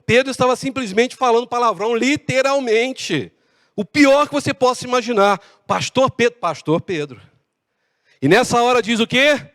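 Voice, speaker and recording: Brazilian male pastor, animated sermon, close dry voice with reverb tail of a large church. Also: extremely high pitch, moderate pace. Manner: animated preaching with acted-out dialogue. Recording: long hall reverb.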